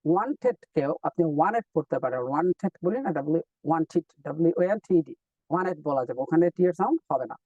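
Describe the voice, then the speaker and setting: Male English teacher, high voice, distant dull mic, dry sound; patient step-by-step drills. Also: expressive, darkish tone, no echo. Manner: explains step by step, repeats drill words slowly. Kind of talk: live online lesson.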